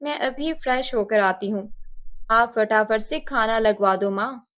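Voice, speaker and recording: A spoiled, demanding girl from a cartoon story, as a woman narrator puts her on. She whines and makes demands in a high, bright voice. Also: unhurried. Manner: whiny, demanding. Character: spoiled, demanding teenage daughter.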